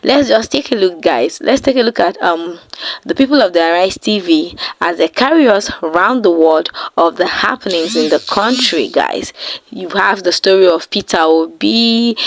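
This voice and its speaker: A woman's voice: medium pitch, moderate pace, creaky, no echo. A woman hosting her reaction channel, chatting casually to her viewers and calling them "guys" again and again. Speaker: reaction vlogger. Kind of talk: casual reaction-video chat.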